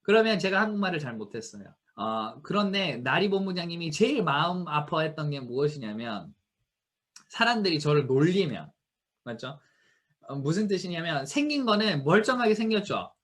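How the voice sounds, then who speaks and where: A man's voice: on the high side, normal speed. A man with a non-native accent giving a motivational seminar talk, telling stories and acting out what people said. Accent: non-native Korean. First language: not Korean. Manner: lively storytelling, acting out quotes, frequent laughs and "맞죠?". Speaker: motivational speaker.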